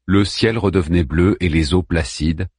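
A man narrating an audiobook with expressive, vivid storytelling. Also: low voice, normal speed, husky, dry recording, studio quality.

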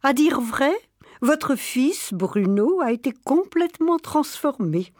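A patient old grandmother, as a woman voices her, speaks gently and steadily, dropping at times to a hush. Her voice sits slightly high. The sound is dry. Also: very animated, no echo, exaggerated voice. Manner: gentle, measured, sometimes hushed.

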